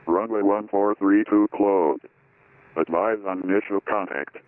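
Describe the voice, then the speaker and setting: A man's voice in an airport weather broadcast, heard over an aircraft radio as a flat, repeating recorded readout of weather figures. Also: lowish voice, a little slow, no room sound. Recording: tinny dry radio channel.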